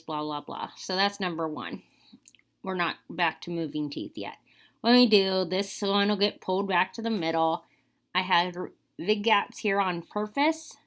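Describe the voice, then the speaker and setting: Bright, forceful young woman chatting casually. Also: on the low side. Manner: candid, rambling, wry. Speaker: vlogger.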